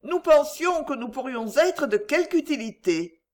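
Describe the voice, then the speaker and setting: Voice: mid-range voice, animated, measured pace, pitched above the performer's own voice, natural voice. A narrator voicing a timid young woman who panics easily and speaks in broken, breathless phrases, in an audiobook reading.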